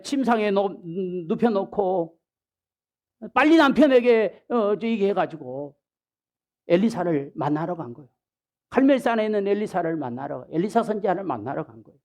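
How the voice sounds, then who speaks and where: A male pastor giving a sermon, telling the story in an animated way, acting out the people in it and dropping into soft asides. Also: high voice.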